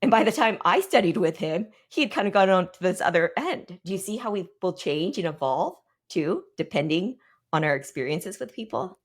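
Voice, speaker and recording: Leading a team workshop as guest speaker, this expressive woman in her forties speaks in a low voice, pausing as she works through her thoughts aloud. She hails from the U.S. Pacific Northwest and regularly poses questions to see how the group is following.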